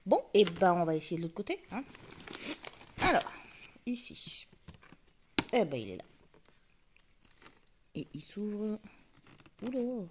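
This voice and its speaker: A woman's voice: medium pitch, expressive, slow, long pauses, noisy background. A woman chatting casually to her viewers as she opens advent calendar doors, muttering asides and talking to the camera's focus. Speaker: YouTuber unboxing advent calendars. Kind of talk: casual chat.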